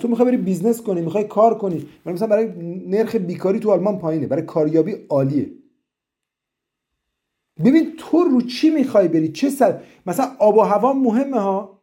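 Animated middle-aged man, mellow voice. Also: high voice. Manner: animated, emphatic, persuasive. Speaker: immigration consultant. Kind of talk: live Q&A session.

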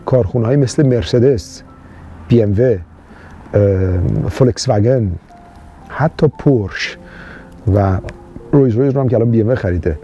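A man's voice: medium pitch, mellow, lo-fi sound, slight background noise. A man from Iran, living in Austria, giving immigration advice in a casual, rambling monologue full of hesitant fillers. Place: lives in Austria.

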